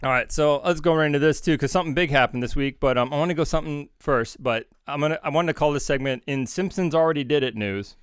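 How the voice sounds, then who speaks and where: A man's voice: fairly high pitch, fast talker, hardly any pauses, smooth. A man co-hosting a podcast in casual chat, joking and chuckling between remarks. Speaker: podcast co-host.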